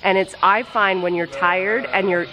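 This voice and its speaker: A woman's voice: mid-range voice, fairly even intonation, a little slow. A woman farmer in her forties vlogging casually to a handheld camera in a large sheep barn, chatty and tired, often restarting her sentences. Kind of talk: casual vlog talk to camera. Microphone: handheld camera at arm's length. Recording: noisy barn with sheep bleating. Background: bleating sheep and barn noise.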